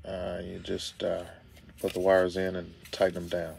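A man hosting a casual, laid-back outdoor vlog at the lakeside, talking in an unhurried way. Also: low-pitched, completely flat delivery, gravelly, a little mellow, slight background noise. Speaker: video host.

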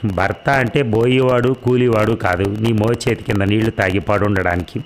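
A man voicing a middle-aged husband who moves from bitter complaint to shouted commands at his wife, in a low voice. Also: steady tone, normal speed, slight background noise, lightly acted. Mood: defiant. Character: aggrieved middle-aged husband turning defiant.

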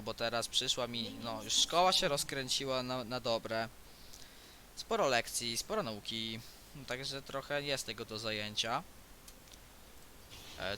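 Brief: teen boy YouTuber, under the weather with a cold, very bright cutting tone, chatty rambling gamer talk. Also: mid-range voice, slight background noise. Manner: rambling, restarts sentences often. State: has a cold. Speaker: gaming YouTuber. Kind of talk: casual let's-play commentary. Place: home, indoors.

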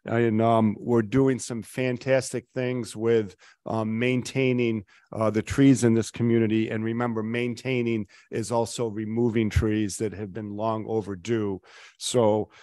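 A middle-aged man, a city councilor, giving his report at a council meeting, rambling with many ums and clear enthusiasm. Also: lowish voice, level tone, unhurried, dark tone, no echo, clean studio sound. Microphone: table microphone.

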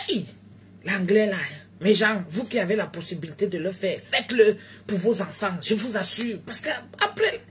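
A tired woman chatting live to her followers, animated, jumping between loud exclamations and low murmurs and joking in broken English. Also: slight background noise. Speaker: food seller live-streaming on social media. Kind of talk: casual live chat to followers.

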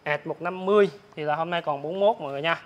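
Male, young, southern Vietnamese accent. Hard-sell price patter, extremely quick, repetitive and informal. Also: on the high side, dull audio. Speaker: motorbike salesman. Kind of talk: hard-sell sales pitch, listing prices. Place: large open-sided motorbike warehouse. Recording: clear ambient noise of open warehouse.

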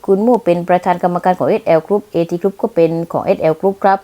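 A woman's voice: fairly low pitch, fairly even intonation, fast, warm tone, pitched below the performer's own voice, lightly acted. A woman voicing a dutiful male assistant who reports in a formal, matter-of-fact manner, in a manga dub.

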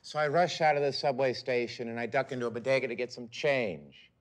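A man's voice: medium pitch, brisk. A man giving rambling, neurotic first-person comic narration in a mockumentary. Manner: neurotic, self-absorbed, rambling.

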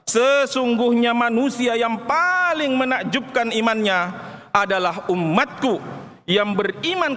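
High-voiced man preaching in a reverberant mosque. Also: fairly bright tone. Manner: measured, emphatic delivery with Arabic recitation. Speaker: Friday preacher. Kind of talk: formal Friday sermon. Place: large mosque hall. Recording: long reverb of a big mosque hall.

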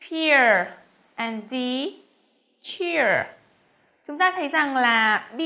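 A Vietnamese woman teaching English pronunciation, speaking slowly on her model words between quicker explanations. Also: on the high side, bright, forceful tone. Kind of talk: pronunciation lesson.

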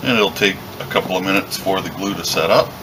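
Deep-voiced man explaining leather craft. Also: fast talker, background noise. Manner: relaxed, step-by-step explaining while working. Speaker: leatherworking instructor. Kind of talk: hands-on craft tutorial. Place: workshop bench indoors.

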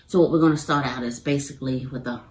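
Chatty and friendly, a middle-aged woodworking creator explains each step of a build in casual how-to talk, throwing in "y'all." Her low, darkish voice is steady and fast, and the recording is echoey and roomy like a camera mic in a home workshop, with faint ambience and a little hiss or hum.

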